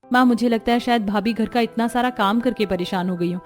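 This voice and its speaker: A woman's voice: a little high, a little fast, faint music behind, natural voice. A woman voicing a cheerful, caring young sister-in-law in a cartoon. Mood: concerned. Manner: lively, caring.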